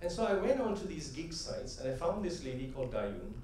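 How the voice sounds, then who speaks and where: This middle-aged convention speaker has a fairly high, slightly mellow voice with big pitch swings and a brisk pace. His conversational, anecdote-rich talk leans on "right?" and builds to rhythmic, emphatic punchlines. Captured by a distant mic in a large, echoey hall, with slight background noise.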